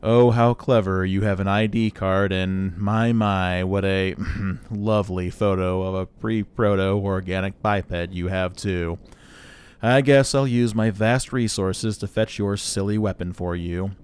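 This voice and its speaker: A man's voice: low-pitched, steady tone, a little mellow, smooth. A man putting on a weary, sneering depressed robot. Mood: condescending. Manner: slow, weary and contemptuous. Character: gloomy condescending male robot, depressed and sneering.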